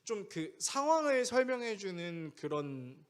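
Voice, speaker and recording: A man's voice: very animated, a little slow, clean tone. A man preaching a sermon as pastor, speaking conversationally and asking the congregation questions. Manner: acts out quoted voices with big pitch swings.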